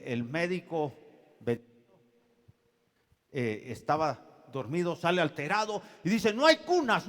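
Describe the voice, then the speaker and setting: A man preaches a sermon, his voice a touch higher than most. He swings from loud, ringing preaching to quiet, halting storytelling. The church hall adds a long reverb to every word. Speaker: pastor.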